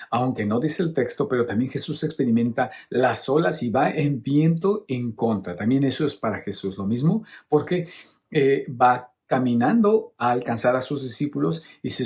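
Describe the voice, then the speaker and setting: A middle-aged man, a priest preaching a homily on a Bible reading. He explains each point patiently and keeps checking in with his listeners. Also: medium pitch. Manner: teacherly, often checks in with the listeners.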